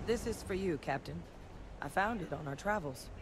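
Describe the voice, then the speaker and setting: An actress playing a friendly, helpful crew scientist in a video game, courteous and reflective. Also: female voice, lowish voice, animated, normal speed, background noise. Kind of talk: video game character dialogue.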